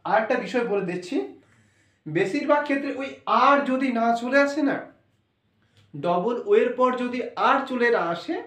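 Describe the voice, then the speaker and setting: High-voiced man teaching in an echoey room. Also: a bit bright, distant mic. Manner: repeats points, checks in with "okay". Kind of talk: spoken English phonics lesson. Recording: roomy echo, voice off-mic.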